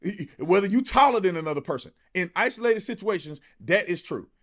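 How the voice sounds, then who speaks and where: A man whose high-pitched voice is expressive and fast offers his opinions as a political commentator in a heated, everyday-language monologue. Rhetorical questions come often, and he is emphatic and repetitive.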